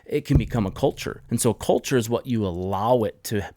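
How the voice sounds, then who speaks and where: A man's voice: on the low side, fairly quick, dark tone, no echo, clean studio sound. A man hosting a podcast, telling a personal story in an earnest, heartfelt way, often restarting his sentences. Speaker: podcast host. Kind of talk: casual podcast conversation.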